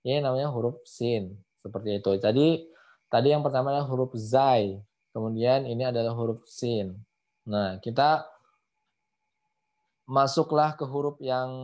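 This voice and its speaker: A man's voice: mid-range voice, a little mellow. A man teaching Quran letter pronunciation in an online lesson, patiently repeating each point over a video call. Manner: patient, repeats points with many tag phrases.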